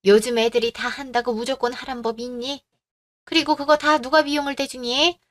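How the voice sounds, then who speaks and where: A woman's voice: high-pitched, steady tone, normal speed, a bit bright. A woman voicing a bossy older mother-in-law in a radio drama, scolding and giving orders. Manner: scolding, commanding.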